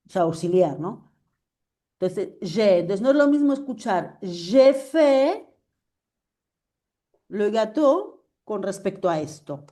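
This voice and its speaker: Patient woman teaching French, mellow voice. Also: mid-range voice, sing-song, moderate pace. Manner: patient, checks understanding often. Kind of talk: online class explanation. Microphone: video call.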